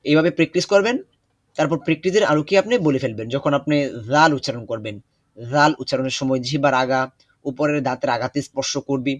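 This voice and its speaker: Young male recitation tutor, patient, hesitant fillers, medium pitch, dry close mic. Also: fast talker, no room sound, muffled recording. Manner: patient, repeats instructions, many hesitations. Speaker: Quran recitation teacher. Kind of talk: online class teaching.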